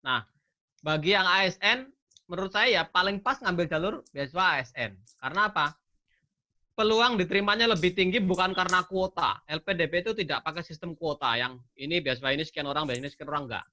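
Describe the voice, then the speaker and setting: A man's voice: high-pitched, lively intonation, fast talker, sharp tone. A man talking casually as a guest, giving earnest advice and explaining step by step, often asking himself rhetorical questions. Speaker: scholarship awardee guest.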